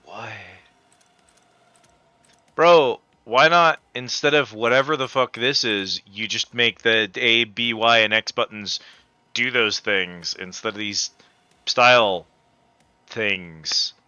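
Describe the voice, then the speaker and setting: A man's voice: medium pitch, slow, long pauses, bright, forceful tone, clean tone, dry recording, highs cut off. A man giving casual let's-play commentary, joking and swearing in slangy speech over game music. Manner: profane, jokey, slangy. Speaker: gamer playing and commentating.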